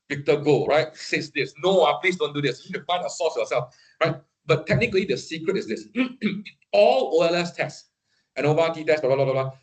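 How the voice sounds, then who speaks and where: A middle-aged man gives a conversational university statistics lecture, often checking in with his students. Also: a little high. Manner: conversational, keeps asking "right?" to check understanding.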